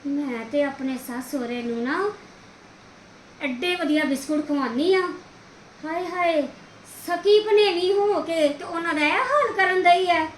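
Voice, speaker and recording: A woman's voice: extremely high pitch, measured pace. A woman playing a fussy young daughter-in-law in a homemade family drama, complaining with wailing drama. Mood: aggrieved. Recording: echoey room, faint hiss.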